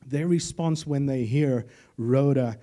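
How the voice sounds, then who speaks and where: A man preaching a sermon, lively and joking, with animated asides. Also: mid-range voice, slow pace.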